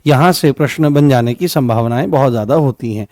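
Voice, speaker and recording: A man's voice: medium pitch, a little fast, darkish tone, no echo, studio quality. A man teaching an online grammar class, repeating key words and asking and answering his own questions.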